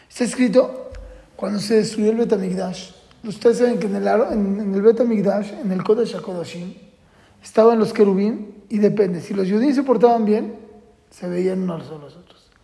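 A man's voice: high voice, gravelly, dark tone. A man teaching a parenting class, earnest and patterned, asking questions and answering them himself. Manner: earnest, repeats rules in patterns, asks and answers own questions. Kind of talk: classroom lecture. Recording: echoey hall with long reverb.

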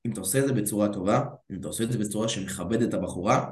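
Man coaching in a roomy echo. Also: fairly low pitch. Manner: calls the listener bro, acts out dialogue. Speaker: dating coach. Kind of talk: casual podcast chat.

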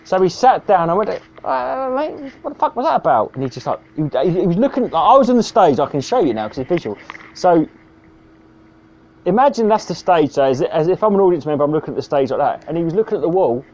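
A man's voice: a little high, very animated, fast, darkish tone, slight background noise. A man, a stand-up comedian telling a sweary, rambling anecdote on a podcast. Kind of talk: casual storytelling. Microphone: video call. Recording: dull lo-fi video call audio.

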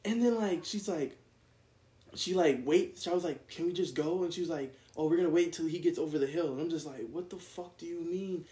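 A young man with a high-pitched voice tells a rambling story, scattering "like" everywhere and slipping into the voices of the people in it. The sound carries a noticeable echo from the room around him. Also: fairly quick. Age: young adult. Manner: rambling, animated storytelling with lots of "like" and acted-out quotes. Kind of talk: casual storytelling chat.

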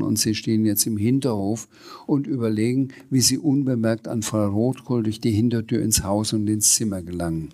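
A man reading a children's story aloud in a relaxed way, with small slips and fillers. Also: fairly low pitch.

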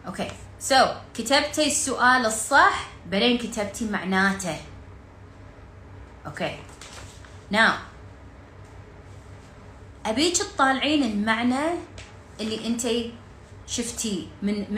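A woman's voice: fairly high pitch, sharp tone, reverberant, slight background noise. A woman with a Gulf Arabic accent leading an interactive coaching workshop, firing rhetorical questions at her listeners and dropping English words into her talk.

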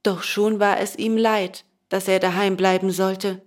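A woman reading a children's storybook aloud, slow and expressive. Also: medium pitch. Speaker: narrator.

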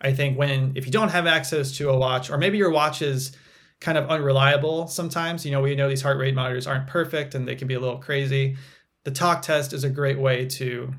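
Relaxed man explaining running science. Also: medium pitch, fairly quick. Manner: explanatory, relaxed, with frequent fillers. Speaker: physical therapist guest. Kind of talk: casual podcast interview.

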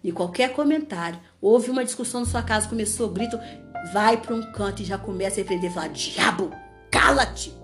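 A woman's voice: mid-range voice, quick pace, music in the background. A woman preacher giving a fervent sermon, repeating phrases and rising to emphatic commands.

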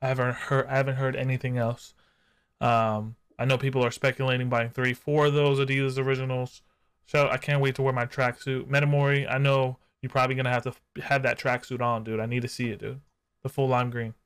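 A man's voice: mid-range voice, level tone, a little fast, fairly bright tone, smooth. A man hosting a live-streamed podcast, talking in hyped, slangy banter and swearing freely. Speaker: podcast host. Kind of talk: casual live-stream chat.

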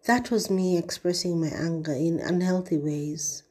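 A woman voicing an angry, trapped young woman in an audiobook, speaking in a bitter, hushed way. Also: fairly low pitch, moderate pace, slightly rough. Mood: dry.

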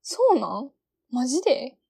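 The young co-host's voice sits high, swinging widely in pitch at a moderate pace, creaky and mellow with a breathy edge. She chats casually in a Kansai Japanese accent, breaking into frequent laughter.

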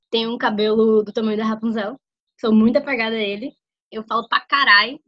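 Casting: chatty young Bahian woman with slushy, lisped s, higher-pitched, on muffled audio. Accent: Bahian Brazilian. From Ilhéus, Bahia, Brazil. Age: early 20s. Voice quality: slight lisp, slushy s sounds. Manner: chatty, slangy. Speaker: podcast co-host. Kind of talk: casual self-introduction. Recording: dull lo-fi audio.

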